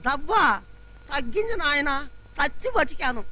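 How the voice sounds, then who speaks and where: An actress playing a deaf, shy ninety-one-year-old bride in a film comedy, speaking in a quavery voice and mishearing everything. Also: female voice, sits high, animated, normal speed, bright, forceful tone, low-quality recording. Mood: confused. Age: 90s.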